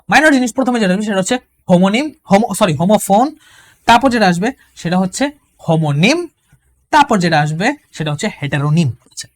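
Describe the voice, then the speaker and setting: A man teaches a casual recorded lesson for admission candidates. He explains things step by step in a chatty, colloquial way, often restarting his sentences and slowing right down to read example sentences out loud. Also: sits high. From Bangladesh. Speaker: admission test tutor.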